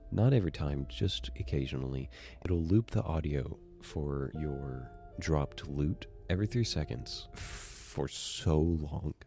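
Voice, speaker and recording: A man narrating a casual video essay, excitable and swearing freely as he gushes. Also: extremely low pitch. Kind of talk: casual enthusiastic commentary.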